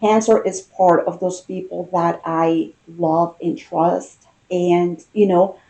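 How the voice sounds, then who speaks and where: A woman giving an unscripted, intimate tarot card reading, musing aloud with pauses and repeated phrases. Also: fairly low pitch, fairly even intonation, warm tone, poor audio.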